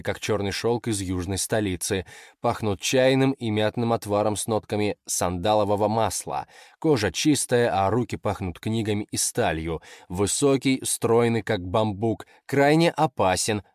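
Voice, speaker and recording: A man reading fiction aloud in a measured, expressive narration. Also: lowish voice, no room sound, clean studio sound. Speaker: audiobook narrator. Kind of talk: scripted narration.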